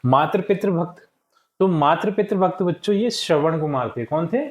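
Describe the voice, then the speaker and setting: A male teacher walking young pupils through textbook answers, saying each word slowly for them to repeat and often checking in with "ठीक है". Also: on the high side, roomy sound. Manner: slow and deliberate, checks in with frequent "ठीक है". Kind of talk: classroom lesson walkthrough.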